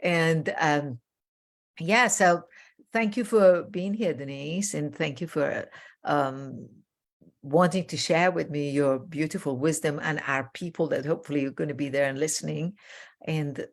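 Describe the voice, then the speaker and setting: Low gravelly woman originally from Iran. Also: measured pace. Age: older. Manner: warm, effusive, rambling with many fillers. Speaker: host, transformational coach. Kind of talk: casual interview chat.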